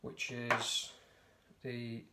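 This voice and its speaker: In a noisy home video, a hoarse-voiced man walks through a recipe casually, step by step, drawing out his words in a mid-range voice. He's an easygoing, talkative home cook who often stops to correct himself mid-sentence.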